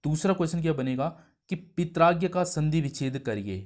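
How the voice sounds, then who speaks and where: A man teaching a Hindi grammar lesson for an exam. He explains step by step, keeps asking his students whether they follow, and sounds out syllables slowly, repeating them. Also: on the high side, lively intonation, a little mellow. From India. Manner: explains step by step, asks the class questions.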